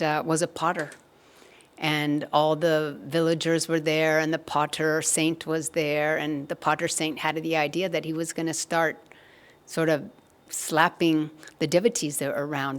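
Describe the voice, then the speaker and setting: A woman giving a spiritual satsang talk, telling a story in a gentle, measured way. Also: low-pitched. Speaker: satsang speaker.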